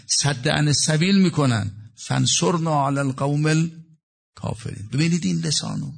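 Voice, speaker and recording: Gravelly-voiced man delivering a sermon. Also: fairly high pitch. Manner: explains Arabic verses in plain talk, shifting between hushed and raised delivery. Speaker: preacher. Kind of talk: religious sermon with Quranic recitation.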